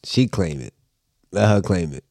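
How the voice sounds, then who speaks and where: A man with a deep, creaky, mellow voice co-hosts a casual podcast chat, telling family stories and going on playful rants full of swearing. He's animated but unhurried in his delivery.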